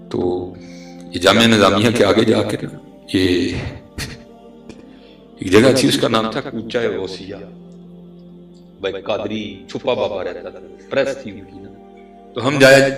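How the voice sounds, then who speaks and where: Male preacher, low voice, dramatic storytelling sermon, roomy echo with faint music behind. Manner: dramatic storytelling, swinging between loud declaiming and hushed tones. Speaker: religious preacher.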